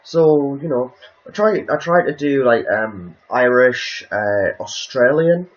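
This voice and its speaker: A man's voice: medium pitch, expressive, takes it slowly, muffled recording. A man chatting casually on a livestream, hesitant and rambling, with many ums and restarts.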